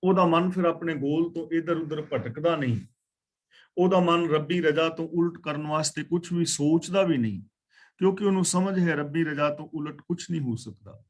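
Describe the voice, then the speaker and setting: A man teaching a scripture class, reciting verses slowly and then explaining them in plain talk. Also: fairly high pitch. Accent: Punjabi. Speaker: katha teacher.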